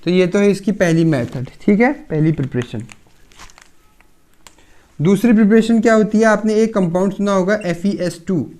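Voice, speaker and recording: A man talks through a pharmacy chemistry lesson in a relaxed classroom way. His voice sits a little high for a man. He poses questions to his students, answers them himself, and keeps checking in as he goes. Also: moderate pace. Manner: explains step by step, asks and answers his own questions, keeps saying "theek hai". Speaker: pharmacy lecturer. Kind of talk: casual classroom lecture.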